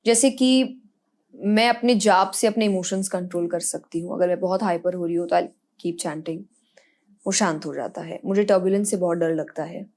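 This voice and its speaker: A young adult woman, a spiritual speaker, calmly and earnestly answering questions in a podcast interview, often restarting her sentences. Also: lowish voice, moderate pace. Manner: calm, earnest explaining with frequent restarts.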